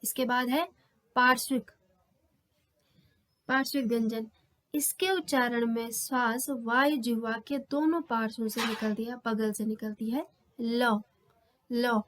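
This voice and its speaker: Higher-voiced woman teaching grammar patiently. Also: unhurried, a bit bright. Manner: explains patiently, repeating terms and sounding out letters one by one. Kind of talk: exam-prep lecture.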